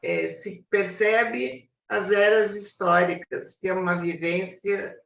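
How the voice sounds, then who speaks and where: A woman's voice: mid-range voice, fairly even intonation, takes it slowly, gravelly, fairly bright tone. A woman from Brazil on a video call, earnestly encouraging others to plan a visit. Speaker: study group participant. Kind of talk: casual online group discussion. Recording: distant, echoey, dull video call audio.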